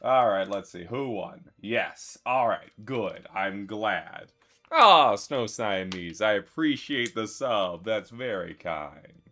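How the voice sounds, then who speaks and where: A man streamer chatting casually with his viewers, relaxed and chuckling as he thanks them. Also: on the low side, slow pace. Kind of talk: casual live-stream chat.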